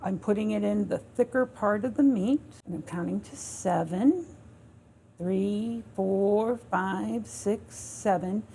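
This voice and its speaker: A woman's voice: mid-range voice, takes it slowly, gravelly, dark tone, slight background noise. A woman giving a spoken how-to demonstration in a kitchen, explaining each action step by step in an instructive way. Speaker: instructor demonstrating a kitchen aid for people with sight loss. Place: home kitchen.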